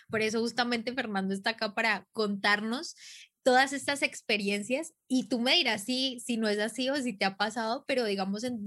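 Woman host, kinda high voice, talks in long looping questions. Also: fairly bright tone. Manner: rephrases and restarts while asking. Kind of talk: conversational interview.

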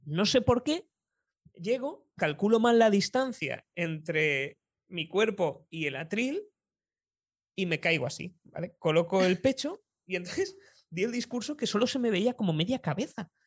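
Young man from Spain, Spanish accent, lively anecdotal storyteller, dry recording. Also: high-pitched, measured pace, breathy edge, no room sound. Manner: lively storyteller, chuckles often. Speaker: public speaking coach.

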